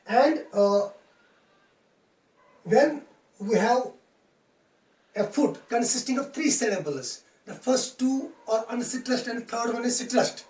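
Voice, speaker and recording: A woman's voice: a little high, lively intonation, slow, long pauses, a little mellow. Woman teacher, roomy and distant. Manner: methodical, repeats and restates points. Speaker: English teacher. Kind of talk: explanatory classroom lecture.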